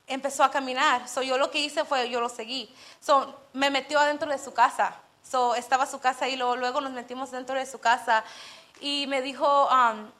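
High-voiced woman giving an earnest testimony. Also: fairly bright tone. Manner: earnest, emotional storytelling with quoted dialogue. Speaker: church member giving testimony. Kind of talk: personal testimony at a church service.

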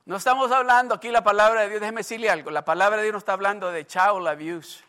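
A man's voice: high-pitched, fairly even intonation, quick pace, sharp tone, clear, resonant tone. An older man preaching a sermon, emphatic and repetitive, asking the congregation questions and telling stories from his own life. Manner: storytelling asides.

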